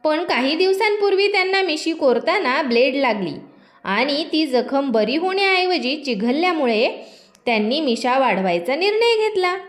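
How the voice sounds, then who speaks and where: Lively high-voiced woman storyteller. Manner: lively, expressive reading. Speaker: children's storyteller. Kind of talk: storybook narration for children.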